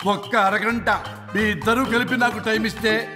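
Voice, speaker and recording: A pestering male ghost, played by a man, with a higher voice, coaxing and teasing as he begs for a favour. His lines ring with a long hall-like reverb, and loud music plays under them. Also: steady tone, close to an everyday voice. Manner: coaxing, teasing, drawn-out pleading.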